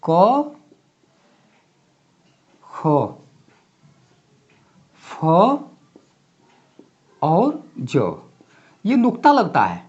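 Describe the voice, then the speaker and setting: Male grammar teacher, animated up-and-down delivery, repeats each example word, dull lo-fi sound. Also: high-pitched. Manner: explains slowly with repeated example words. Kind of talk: Hindi grammar lecture. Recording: dull lo-fi classroom recording.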